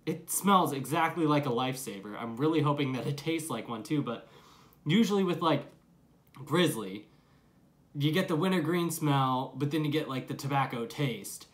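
Filming a casual review of a dip in his small home room, curtain at his back, a young man talks slang and curses freely. He speaks animatedly at a moderate pace, his pitch fairly high.

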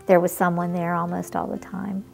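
Creaky-voiced hospice nurse, a woman, reflecting. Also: on the low side, level tone, a little mellow, soft background music. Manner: halting, reflective. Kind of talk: personal storytelling.

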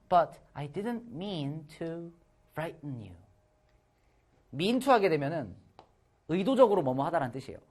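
A man leads an online English vocabulary lesson for middle school students. His pitch jumps around with lively animation as he repeats words and acts out short scenes. His manner stays playful and chatty. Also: husky.

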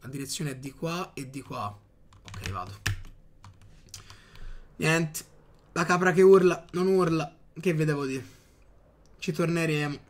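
A man giving casual gameplay commentary, chatting to his viewers with excitable outbursts. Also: fairly high pitch, unhurried, long pauses, slight background noise. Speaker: gaming youtuber.

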